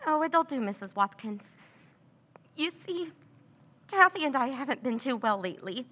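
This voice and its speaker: In a 1940s old-time radio drama, an actress voices a scheming woman faking nervous distress, stammering, hesitating and pleading breathily. Her high, animated voice moves at normal speed, pushed and bright, a full character performance.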